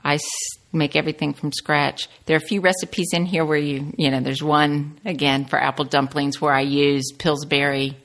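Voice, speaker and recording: A woman's voice: sits low, flat delivery, normal speed, hardly any pauses, fairly bright tone. A middle-aged woman from rural Virginia chatting casually as an interview guest, telling personal stories in a rambling way that wanders into tangents. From rural Virginia, United States. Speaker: guest, home cook and cookbook author.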